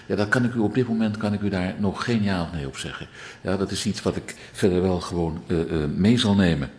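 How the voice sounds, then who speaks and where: A man's voice: low voice, a little fast, darkish tone. A man in the role of alderman, answering council members in a formal debate and addressing them at length. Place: council chamber.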